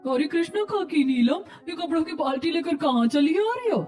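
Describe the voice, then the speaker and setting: A woman voicing a flustered young housewife in a cartoon, shrill and defensive. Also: expressive, moderate pace, a little mellow, recorded from a distance, faint music behind.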